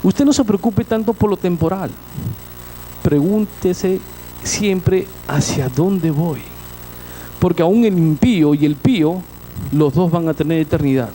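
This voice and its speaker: A pastor preaches with a warm, dark tone pitched a little high, and his voice rises to loud calls and drops to near hush as he questions the congregation. A faint hum of noise sits behind him. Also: measured pace, rough recording. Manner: animated preaching, swinging between loud and hushed. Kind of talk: sermon.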